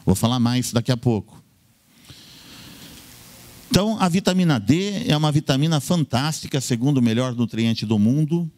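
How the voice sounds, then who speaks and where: A man's voice: medium pitch, animated, normal speed, pauses often, darkish tone. A man, a doctor, giving a health talk in an emphatic way, listing points in short bursts and repeating key words. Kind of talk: lecture-style health talk.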